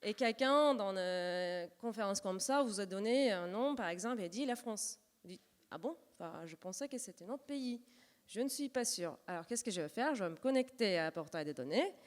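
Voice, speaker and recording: In a hall with long reverb, a woman presents a live software demo. Her voice is clear and smooth, with a Turkish accent from her native language. She speaks hesitantly, often searching for the next word as she improvises. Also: mid-range voice, expressive, normal speed. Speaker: workshop presenter.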